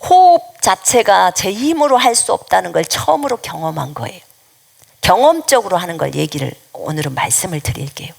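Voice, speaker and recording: A woman missionary delivers a sermon in an earnest testimonial tone, her pitch swinging widely as she presses each point. A gravelly, creaky texture runs under her emphatic, repeating cadence, and at times she sinks to a hushed near-whisper. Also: sing-song, a little fast. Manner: emphatic, repetitive preaching cadence. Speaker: missionary preacher.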